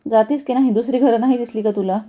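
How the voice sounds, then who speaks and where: A woman voicing a haughty queen who rudely shouts someone away. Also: a little high, fast talker, close to an everyday voice. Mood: scornful.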